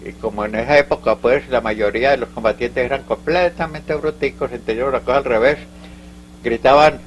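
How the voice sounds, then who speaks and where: This is an oral history interview with an older man from Colombia whose Paisa accent comes through a mid-range voice. He rambles through local stories, halting and restarting with frequent asides. The recording is rough, with slight hiss or hum.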